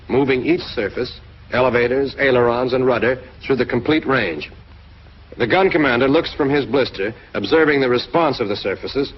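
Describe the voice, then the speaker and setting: Heard through a dull lo-fi 1940s film soundtrack carrying a little hiss or hum, a man with a medium-pitched voice reads scripted instructional narration. He speaks straight to the listener, direct and instructive, as in a training film.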